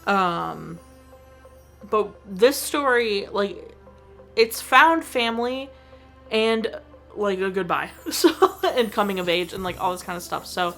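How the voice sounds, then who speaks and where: A woman's voice: mid-range voice, expressive, takes it slowly, creaky, a bit bright, faint music behind. A woman hosting her own show, giving a chatty, enthusiastic movie review full of "like.". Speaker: host.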